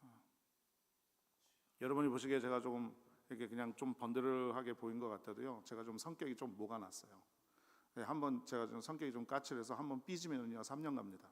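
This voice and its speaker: A middle-aged male guest pastor preaching a sermon in a conversational, self-deprecating way, with sudden loud rises. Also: mid-range voice, steady tone, brisk. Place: church sanctuary. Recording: long church hall reverb.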